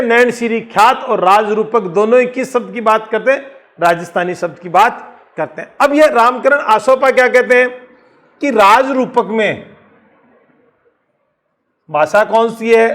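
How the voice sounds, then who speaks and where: A male teacher with a Rajasthani accent giving an exam-prep lecture, explaining slowly, repeating key points and answering his own questions. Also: sits high, expressive, a bit bright.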